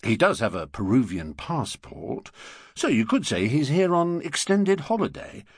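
A man voicing a brisk, harried middle-aged husband in an audiobook. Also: fairly high pitch, very animated, breathy edge, no room sound, clean studio sound, voice pushed up, full character voice. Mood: exasperated. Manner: brisk, exasperated.

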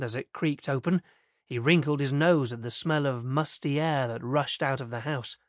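A man narrating an audiobook in a steady, measured storytelling manner. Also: mid-range voice, dry recording, clean studio sound.

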